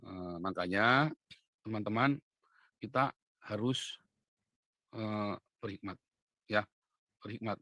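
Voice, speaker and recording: A man preaching in a casual monologue, dropping to low asides and then rising to loud, insistent urging, often ending with a tag question. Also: takes it slowly, long pauses, no room sound. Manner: emphatic, swings from low asides to loud insistent urging, frequent "ya kan?" tags. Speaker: preacher and online commentator. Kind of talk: casual direct-to-camera monologue.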